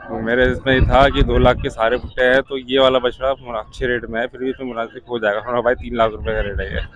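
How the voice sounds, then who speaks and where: A Pakistani man with an average-pitched voice hosts a casual market vlog outdoors. He addresses viewers like brothers, puts short questions to traders and repeats what they say. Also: level tone, quick pace. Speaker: vlogger and host touring a cattle market. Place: outdoor livestock market on a windy day.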